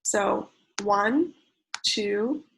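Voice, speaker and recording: A woman's voice: mid-range voice, very slow, creaky, fairly bright tone, slight background noise, rough recording. A young woman teaching a creative writing lesson online to children, patiently counting syllables aloud.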